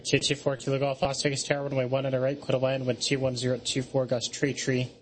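A male air traffic controller issues radio calls in clipped procedural phrases. His mid-pitched voice stays very even, with little melody from one instruction to the next. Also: quick pace, rough recording.

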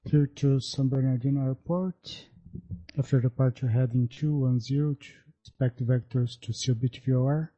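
A man reading back clearances as a pilot over radio from a cockpit headset. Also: mid-range voice, steady tone, moderate pace, mellow. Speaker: pilot on air traffic radio. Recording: muffled aviation radio.

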